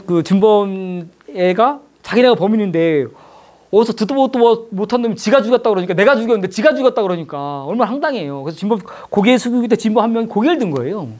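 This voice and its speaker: A middle-aged man lecturing, telling a story with lively acted-out dialogue. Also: high voice. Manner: animated storytelling, acting out quoted dialogue. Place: lecture hall.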